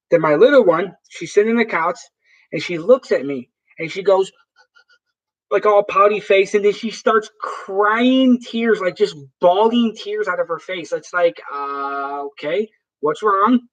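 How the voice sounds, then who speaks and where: A man's voice: sits high, normal speed, fairly bright tone. A man hosting a live stream in casual chat, rambling and swearing freely, often restarting his sentences. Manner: rambling, profane, with frequent restarts. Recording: dull lo-fi sound.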